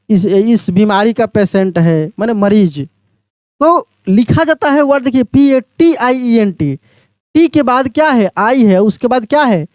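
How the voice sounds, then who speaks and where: A man teaching an English pronunciation lesson, spelling words out letter by letter and repeating each one slowly while quizzing his viewers. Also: very high voice, darkish tone, smooth, no room sound, clean studio sound.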